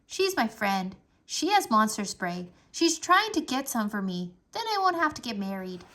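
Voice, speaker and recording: A shrill, bouncy little boy from a storybook who loves showing off, as a woman reads him out. His voice swoops high and bright and bursts into excited cries. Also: normal speed. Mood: chattering. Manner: excited, loud outbursts. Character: little boy, chatty show-off, loves attention.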